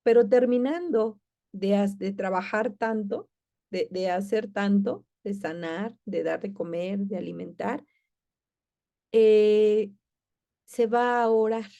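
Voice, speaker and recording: A woman's voice: mid-range voice, slow, gravelly, dark tone, muffled recording. A woman teaching a Bible lesson in a loose, conversational way, with many fillers and restarts.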